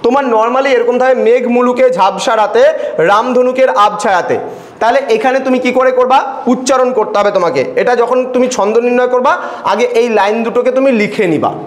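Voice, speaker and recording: A man's voice: very high-pitched, a little fast, echoey room. A male tutor teaching a classroom lesson, patient, asking his students questions and repeating points.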